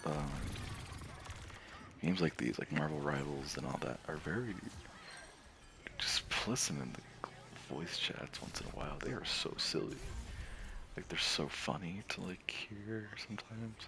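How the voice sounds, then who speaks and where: A man talking to camera in a casual rambling monologue about games, with lots of fillers, frequent laughter and soft, near-whispered asides. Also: very deep voice, measured pace, vocal fry, background noise. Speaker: streamer and gamer.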